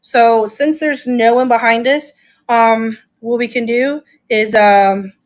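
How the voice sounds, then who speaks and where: Chatty higher-pitched woman auction host. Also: steady tone, takes it slowly. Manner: chatty, enthusiastic, thinks aloud while showing items. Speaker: live-stream reseller auctioning finds. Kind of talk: casual live-stream selling chat.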